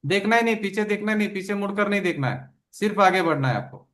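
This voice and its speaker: A man with a fairly high voice for a man teaches in a study session. He drives his points home by saying the same phrase again and again, with steady emphasis. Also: quick pace. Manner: emphatic, repeats phrases over and over. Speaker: religious teacher. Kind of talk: explaining a text in an online study session.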